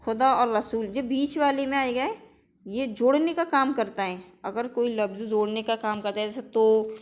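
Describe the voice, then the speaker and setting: A woman's voice: on the high side, moderate pace. Woman teacher drilling rules by repetition. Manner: repeats each rule, then quizzes it back; drills with example words in a list. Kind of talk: explanatory exam-prep lesson.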